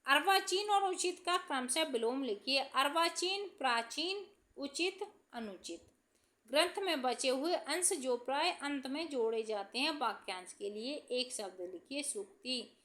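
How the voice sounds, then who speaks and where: A young woman teacher reading out exam questions and answering each one, slowing down to list examples. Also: high voice, animated, fairly bright tone. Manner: reads each question, then answers it slowly, listing examples.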